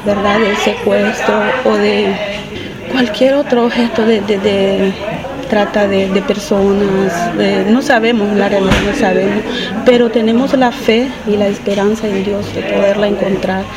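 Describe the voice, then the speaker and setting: The audio is poor and a loud crowd fills the outdoor street as a Honduran migrant mother in her forties pleads for help finding her daughter. Her medium-pitched voice has fairly even intonation, earnest but halting, with stumbles and restarts.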